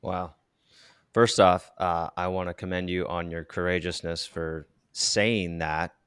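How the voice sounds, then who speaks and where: A man's voice: sits low, fairly even intonation, unhurried, a bit bright, clear, resonant tone, dry recording, studio quality. A man hosting a podcast, speaking in a reflective, hesitant way with many restarts. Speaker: podcast host. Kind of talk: casual interview chat.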